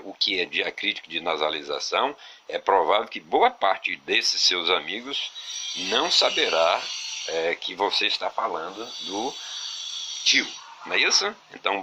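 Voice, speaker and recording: A man teaching a grammar video lesson, explaining slowly and repeating examples with small fillers. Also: on the low side, bright, forceful tone, slight background noise.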